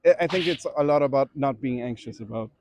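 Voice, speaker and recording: Male interviewee from Germany, mid pitch, reflective casual answers. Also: fast, darkish tone. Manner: thoughtful, fillers like "I mean".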